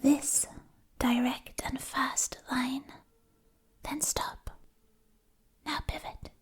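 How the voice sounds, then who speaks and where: A woman whispering a poetic ASMR monologue right in the listener's ear on a close binaural mic, in breathy, deliberate, lyrical phrases with long pauses. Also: sits high, steady tone. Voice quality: breathy, mostly unvoiced whisper. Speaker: ASMR performer. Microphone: close binaural ASMR microphone.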